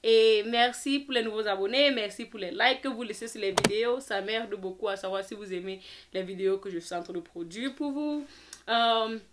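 A young adult woman vlogger telling a personal story in an animated, quick way, acting out the dialogue. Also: medium pitch, very noisy. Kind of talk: storytime vlog.

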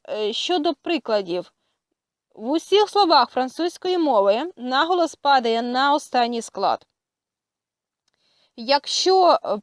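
A woman with a Ukrainian accent teaching a language lesson, speaking carefully and pausing often with hesitant fillers. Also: high-pitched, dry recording, studio quality. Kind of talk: slow spoken lesson.

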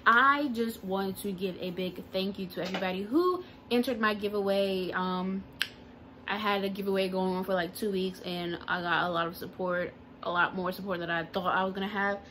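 A woman's voice: medium pitch, steady tone, normal speed, noisy background. A young woman talking casually and playfully to her phone camera as a vlogger, with slangy asides. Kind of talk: casual vlog chat. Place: car, store, then bedroom at home. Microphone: phone camera held close.

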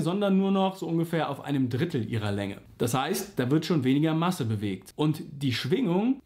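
A man gives a singing lesson as a vocal coach, explaining things simply and patiently and sometimes singing vowel slides to demonstrate an exercise. His voice is a little high with a darkish tone.

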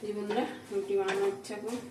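A woman's voice: medium pitch, little pitch movement, quick pace. Woman vlogger in her 30s yakking to her viewers while cooking, dishes clanking away. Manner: chatty, talks straight to viewers while cooking. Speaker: home vlogger and mother. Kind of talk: casual vlog narration to viewers. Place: home kitchen indoors. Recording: clattering kitchen noise behind. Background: dishes, pots and cutlery clatter.

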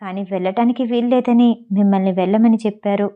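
A woman's voice: medium pitch, steady tone, fast, phone-quality sound, close to an everyday voice. A woman reading the matter-of-fact lines of a businesslike young female assistant.

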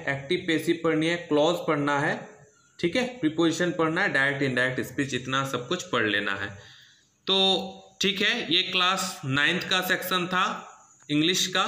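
Teacher guy, slightly high bright voice, goes through the syllabus step by step, keeps saying theek hai. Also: reverberant. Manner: steady, repetitive teaching with frequent "theek hai" check-ins. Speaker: English teacher. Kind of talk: syllabus walkthrough lesson.

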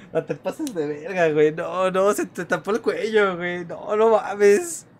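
A man's voice: high voice, a little slow. A young Mexican man streaming a horror game, panicky and jokey, swearing casually and repeating phrases frantically. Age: young adult. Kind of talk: live gameplay commentary, casual and profane. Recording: clear background game noise.

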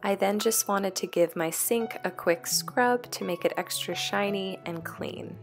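A woman in her thirties narrating a cleaning vlog in a relaxed, matter-of-fact voice-over. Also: mid-range voice, measured pace, vocal fry, over music. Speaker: cleaning vlogger.

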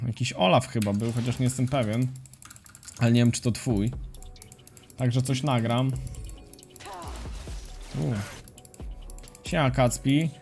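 A man streaming a game, commentating casually and chatting with viewers in a relaxed, slangy way. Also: medium pitch. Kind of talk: casual live commentary while playing and reading chat. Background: faint music and keyboard typing.

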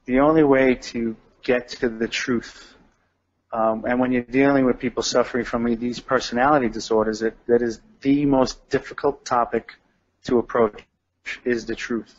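A man giving an interview in the calm, direct, measured way of a hostage negotiator. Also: medium pitch. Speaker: guest, retired police detective and hostage negotiator. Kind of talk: radio interview. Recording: dull, lo-fi audio.

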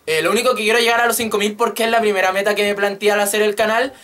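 A high-pitched, fairly even, racing and slightly bright male voice over soft background music. He's a YouTube host in his twenties with a Chilean Spanish accent, chatting animatedly in a casual vlog from a small room with a drum kit, swearing freely and joking through his rant. The audio comes from a webcam at his desk.

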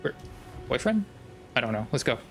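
A man's voice: mid-range voice, very animated, moderate pace, a bit bright, faint music behind. A man streaming a video game, commenting casually, swearing often and bursting into sudden screams. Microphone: desk microphone.

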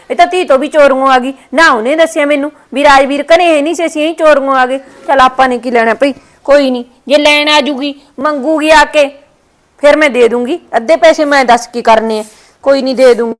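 A woman playing a sharp-tongued daughter-in-law who argues and scolds her mother-in-law in a family short film. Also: high-pitched, steady tone, a little fast, natural voice. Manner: scolding, argumentative.

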